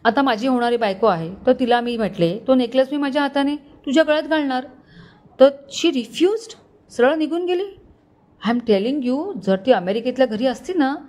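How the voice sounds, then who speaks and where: A woman's voice: sits high, moderate pace, pitched above the performer's own voice, natural voice. A woman doing a taunting arrogant young man. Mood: possessive. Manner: taunting, sharp. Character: arrogant possessive young man, English-mixing, mocking.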